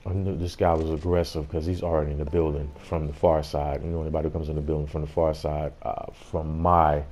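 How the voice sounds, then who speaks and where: Man, gaming tutorial host, very deep mellow voice, informal commentary, faint background noise. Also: flat delivery, quick pace. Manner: informal, explanatory. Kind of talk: casual gameplay tutorial commentary.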